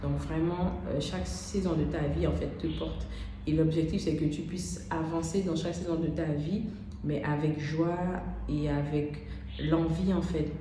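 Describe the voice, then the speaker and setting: A woman in her thirties, a life coach giving an unscripted motivational talk, speaking straight to the listener and pausing often on "euh". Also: low-pitched. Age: 30s. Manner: unscripted, addresses listener as "tu", many "euh" pauses. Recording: very echoey room with steady background noise.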